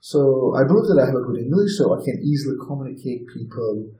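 A man in his forties from Turkey with a Turkish accent, a guest telling lively stories in halting English as a non-native speaker. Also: mid-range voice, slight background noise. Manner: chatty, animated storyteller, halting phrasing. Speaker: guest, inn owner and balloon pilot. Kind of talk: casual interview storytelling. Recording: roomy echo.

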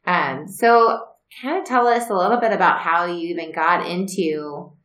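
A woman's voice: fairly low pitch, moderate pace, a bit bright. A woman hosting a casual interview, chatty with some filler words. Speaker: podcast host interviewing a guest. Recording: roomy echo.

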